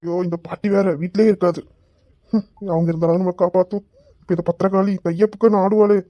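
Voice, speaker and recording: A woman's voice: medium pitch, fairly even intonation, a little fast, warm tone, no echo, natural voice. A woman playing a cheeky young man who whines and talks back to his bossy elder cousin in a comedy sketch. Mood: fretful. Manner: whiny, cheeky backtalk. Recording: dull, dry lo-fi recording.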